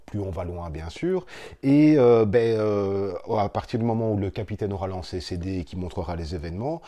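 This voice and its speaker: A man with a low, mellow voice talks through board games with lively enthusiasm. He sounds casual and playful as he explains the rules. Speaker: board game reviewer co-host. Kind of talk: casual chat.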